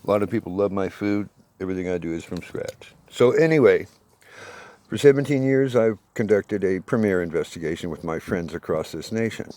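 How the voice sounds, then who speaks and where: A man in his sixties giving a rambling, aggrieved monologue, swinging between loud bursts and low muttering. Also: brisk, few pauses, no echo. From United States. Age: 60s. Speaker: self-made video appeal.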